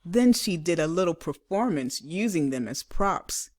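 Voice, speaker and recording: A woman with a fairly low voice reads a children's storybook aloud. She is expressive and emphatic, telling the story in the manner of a teacher reading to pupils. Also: a little slow. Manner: dramatic, emphatic delivery with acted character voices.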